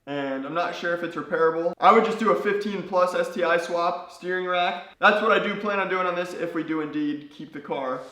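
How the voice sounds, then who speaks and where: A hoarse young man losing his voice, chatting casually to his vlog audience in a garage, rambling with plenty of fillers. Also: sits high, a little fast, few pauses. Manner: relaxed, rambling, many fillers. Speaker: car-build YouTuber. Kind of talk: casual vlog talk to camera. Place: home garage. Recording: echoey garage.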